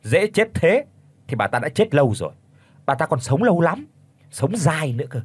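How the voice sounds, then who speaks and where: A man voicing a shrill, spiteful middle-aged daughter-in-law in an audiobook, hissing and scornful. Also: sing-song, moderate pace, no echo. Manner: hisses and shrieks, scornful.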